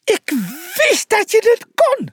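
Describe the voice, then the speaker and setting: Squeaky little mouse, excitable, storybook. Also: male voice, slow pace, husky, no room sound, studio quality, heavily acted. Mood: overjoyed. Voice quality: squeaky and high. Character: small excitable male mouse.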